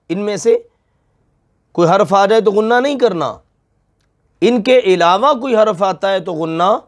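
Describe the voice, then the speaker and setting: A middle-aged man teaching Quran recitation rules, stretching out the sounds he recites and patiently repeating each rule with questions for the listener. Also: high-pitched. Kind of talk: slow Tajweed lesson with drawn-out recitation.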